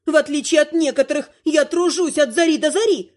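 A woman voicing a haughty, sharp-tongued old grandmother who lectures and scolds in a raised, indignant voice, in an audiobook. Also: high-pitched, a little fast, natural voice. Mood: indignant scolding.

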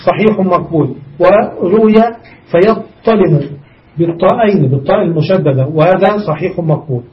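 A man's voice: sits high, distant mic. A man teaching a grammar lesson, explaining step by step, repeating examples and asking his students questions. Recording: dull recording from off-mic.

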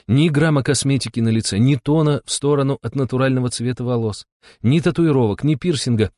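A man's voice: medium pitch, a little mellow, no room sound, clean studio sound. A man narrating a humorous novel as an audiobook in a wry, ironic tone. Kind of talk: audiobook reading.

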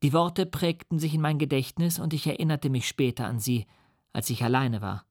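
A man narrating a classic novel in a measured, earnest and solemn reading. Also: a little high, a little mellow, no echo, studio quality. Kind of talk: dramatic literary reading.

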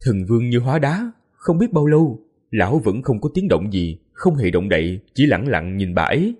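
A man's voice: medium pitch, sing-song, normal speed, darkish tone, breathy edge. A man reading a fantasy novel aloud in a dramatic, mournful narration style. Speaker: audiobook narrator. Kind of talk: scripted narration.

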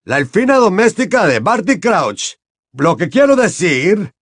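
A man doing a stern, loud wizard official. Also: sits high, very animated, unhurried, no echo, clean studio sound, pitched above the performer's own voice, full character voice. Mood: grave. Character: stern middle-aged male wizard official.

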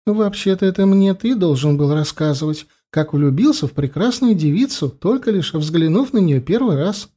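A man voicing a young mother in a storybook, fond and gently teasing, with a raised, lively voice. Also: a little high, normal speed, hardly any pauses, pitched above the performer's own voice.

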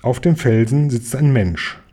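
A man narrating a children's story in a calm, even way. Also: mid-range voice, a little slow. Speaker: audiobook narrator.

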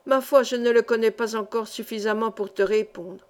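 A woman reading the part of a polite, measured male contractor who speaks with courteous skepticism. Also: a little high, steady tone, natural voice. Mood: sceptical.

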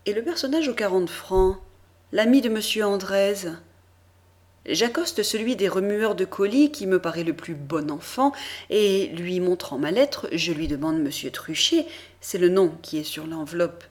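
A woman narrating a novel as an audiobook in a measured, expressive first-person reading. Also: medium pitch. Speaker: audiobook reader.

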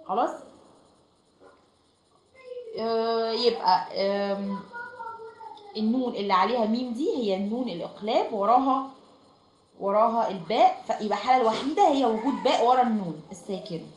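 Speaking fast in a fairly high voice, this Egyptian-accented woman leads a recitation lesson through online voice chat, walking her students through each step and checking on them often. She's in a room at home, and the recording carries echo and faint noise.

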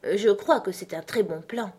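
Woman voicing curious young girl, storybook, musing aloud, bold, slightly husky. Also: medium pitch, normal speed, darkish tone, natural voice.

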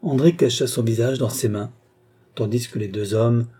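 A man narrating an audiobook of a classic novel with calm, even delivery. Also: mid-range voice, moderate pace, slightly rough. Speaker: audiobook reader. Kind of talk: scripted narration.

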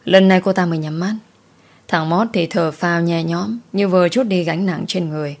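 Woman narrating a ghost story, lowish voice. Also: a little fast, darkish tone.

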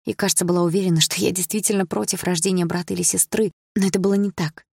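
A woman reading a first-person novel aloud in an even, measured way. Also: fairly low pitch, creaky, husky, no echo, clean studio sound. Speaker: audiobook narrator.

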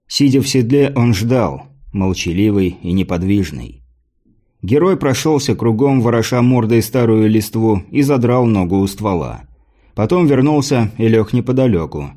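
A man narrating a fantasy audiobook in a measured, even storytelling manner. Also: lowish voice.

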